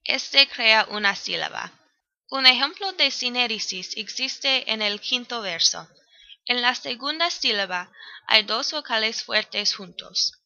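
A woman's voice: a little high, lively intonation, takes it slowly, vocal fry, sharp tone, dry recording. A woman student reading a prepared poem analysis aloud, evenly, with some grammar slips. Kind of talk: read-aloud school presentation. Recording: dull, dry lo-fi recording.

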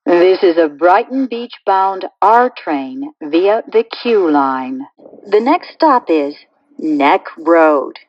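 Female announcer, spliced recorded phrases, slow and measured, dull distant sound. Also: dry recording. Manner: slow, measured, stop names in a different pitch. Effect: spliced-together prerecorded words. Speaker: train announcer. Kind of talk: automated train announcement.

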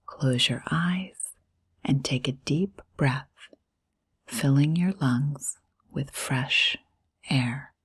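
A woman with an extremely low pitch leads a guided meditation, her voice breathy and close to a whisper. The pace is calm and unhurried, built from short phrases and long silences.

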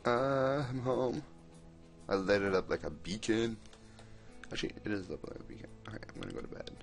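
Young male gameplay commentator, excitable and chatty, lowish pitch, faint background music. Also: brisk, gravelly. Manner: excitable, keeps exclaiming and talking to the game characters.

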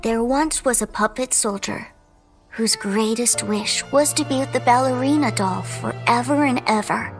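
A woman playing a gentle storyteller, soft and wistful, telling a sad fairy tale in an anime fan dub. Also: on the high side, normal speed, over music, natural voice.

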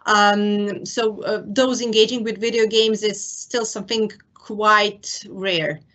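A woman interviewer asking questions over a video call from a room at home, halting and stumbling with fillers. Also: mid-range voice, steady tone, a bit bright. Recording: muffled video call audio.

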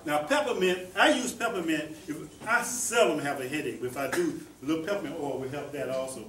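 A man with a fairly high voice gives a folksy, rambling talk, repeating himself and tossing questions out to the people in front of him. He sits back from the microphone, so he sounds distant in an echoey room. A faint hum of room noise runs underneath. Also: brisk, fairly bright tone. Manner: folksy, repetitive, asks the audience questions. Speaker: presenter teaching about herbs. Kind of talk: informal talk to a small audience.

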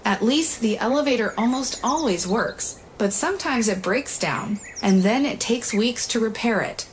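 Woman reading frail lonely old granny, soft weak voice, slight hiss. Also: fairly high pitch, animated, normal speed, close to an everyday voice. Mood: weary.

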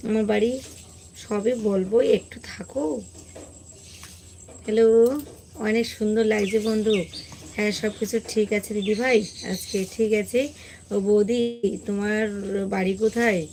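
A woman, hoarse today, hosting a casual live stream and greeting viewers one by one. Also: mid-range voice, little pitch movement, normal speed, pauses often, a little mellow, slight background noise.

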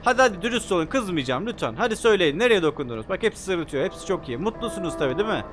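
A young man playing a video game, commenting excitedly and joking as he talks to the characters on screen. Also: sits high, racing, faint music behind. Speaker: gaming YouTuber. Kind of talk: let's play commentary.

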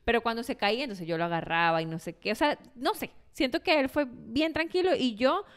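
A woman's voice: on the high side, fairly quick, clean tone. A woman, co-hosting a casual chat podcast, talking expressively and laughing often. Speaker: podcast co-host.

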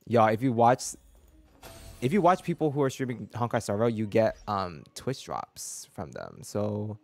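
A man in his twenties streams games and chats casually, rambling and interrupting himself, close to a desk mic in a small indoor room. His fairly low, darkish voice is animated and measured in pace, with game music playing in the background.

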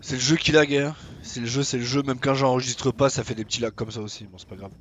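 Commenting on his gameplay as he goes, this young gaming YouTuber chats away, muttering to himself and cursing casually every so often. His medium-pitched voice moves quickly with fairly even intonation, over slight background noise.

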